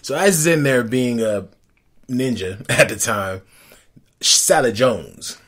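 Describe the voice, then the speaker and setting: A man co-hosting a casual movie recap chat, joking and breaking into fast, excited rants. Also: mid-range voice. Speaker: co-host of a movie recap show.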